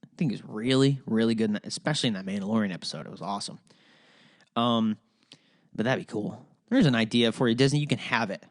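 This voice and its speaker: This solo podcast host, a young man from Ohio, speaks fast in a fairly low, Midwestern-accented voice. The recording is dry and clean, and his talk rambles along with profanity, fillers, and false starts.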